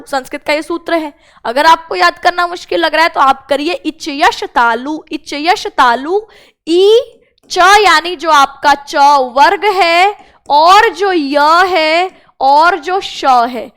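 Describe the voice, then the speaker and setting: Young female exam-prep teacher, high-pitched and unhurried, drills mnemonics for students to repeat. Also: fairly bright tone. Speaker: Sanskrit teacher.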